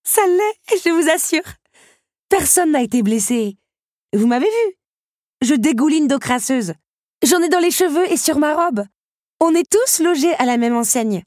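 A woman voicing a spirited young woman heroine, high and animated, in a storybook reading. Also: brisk, hardly any pauses, dry recording, clean studio sound, natural voice. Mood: merry, pleading. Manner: bright and high, excited.

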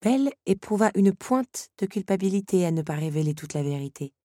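A woman narrating an audiobook in a calm, even storytelling manner, with a husky voice. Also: mid-range voice, a little fast, no echo, studio quality.

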